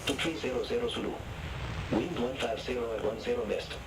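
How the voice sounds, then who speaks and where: A man reading out a recorded airport weather broadcast in a clipped, flat way, listing wind, ceiling, temperature and runway figures. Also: mid-range voice, a little fast. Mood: routine. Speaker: automated airport information service.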